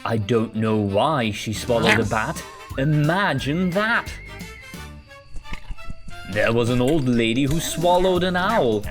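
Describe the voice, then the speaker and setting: Low-voiced, animated woman reading over music. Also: takes it slowly, long pauses. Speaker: storyteller. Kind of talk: children's picture book read-aloud.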